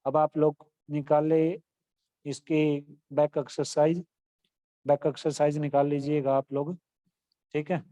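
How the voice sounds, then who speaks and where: Male school teacher, fairly high but mellow voice, lively worked examples in an online class. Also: unhurried, long pauses. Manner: explains, then acts out example exclamations with feeling. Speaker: Hindi grammar teacher.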